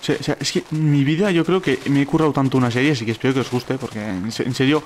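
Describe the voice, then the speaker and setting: A man with a Spain Spanish accent giving let's play commentary as a gaming YouTuber, excitable and quick to repeat words when something alarms him. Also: medium pitch, slight background noise.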